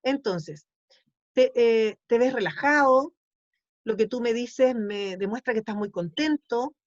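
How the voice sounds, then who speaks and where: A woman's voice: on the high side, animated, a little slow, no room sound, highs cut off. A woman teaching a class, explaining patiently and checking in often with questions. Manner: explanatory, asks ¿sí? to check understanding.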